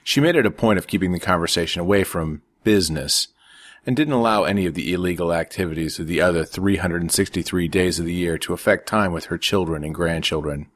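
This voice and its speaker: A man narrating a crime story in a steady storytelling manner. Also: low voice, brisk.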